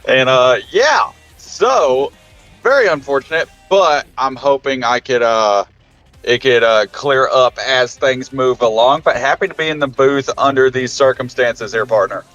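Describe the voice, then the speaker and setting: A man's voice: mid-range voice, unhurried, fairly bright tone, faint music behind. Laid-back male co-commentator, muffled audio. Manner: apologetic, laid-back, calls co-host partner. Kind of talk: casual commentary banter. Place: in a car on the drive home.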